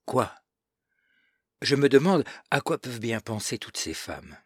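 A man reading aloud as a shy, earnest young girl puzzling over grown-up things, asking her questions hesitantly in a storybook reading. The voice is slightly husky and sits dry and close. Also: medium pitch, big pitch swings, measured pace, no echo. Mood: puzzled. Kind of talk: audiobook reading of a novel.

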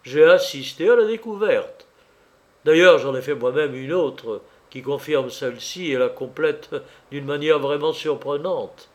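A man voicing a composed middle-aged magistrate in an audiobook, laying out facts in a measured way. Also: a little high, close to an everyday voice. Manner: measured, factual explaining. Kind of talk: audiobook character voice.

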